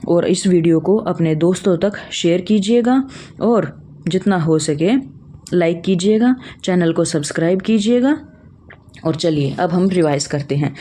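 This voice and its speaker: A young woman with a low, mellow voice teaches an online class, going through the material step by step. She asks questions and then answers them herself, and she refers to her students as children.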